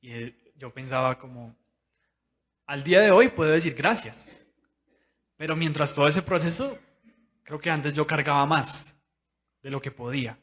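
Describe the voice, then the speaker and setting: A man's voice: fairly high pitch, expressive, normal speed, long pauses, fairly bright tone, muffled recording. A man preaching a sermon in a conversational, personal way, speaking straight to his listeners.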